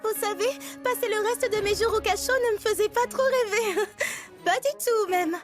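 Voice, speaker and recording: A woman's voice: very high voice, moderate pace, music in the background. A woman voicing a young girl on the run with the hero in an anime dub, whiny at times and teasing at others.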